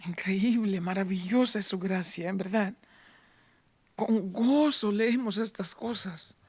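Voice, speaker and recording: A man in his fifties preaching a sermon in church, moving between fervent raised passages and hushed near-whispers. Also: high voice, a little slow, breathy edge, no room sound. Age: 50s. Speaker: pastor.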